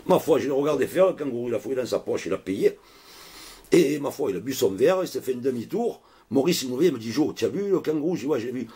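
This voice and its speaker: A man tells a meandering story to his viewers in a casual vlog. His voice is husky and sits in an ordinary middle pitch. He rambles, swears freely and keeps tossing in little asides. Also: expressive, fast, mellow. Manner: rambling, chatty, peppered with swearing and "hein". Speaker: vlogger.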